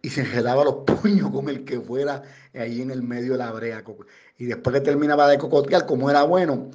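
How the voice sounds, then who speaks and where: In a faint-noise, dull lo-fi recording, a man with a Puerto Rican accent and a medium-pitched voice talks a little fast. He's relaying true security guard stories in a casual, slangy, animated way, acting out quoted voices.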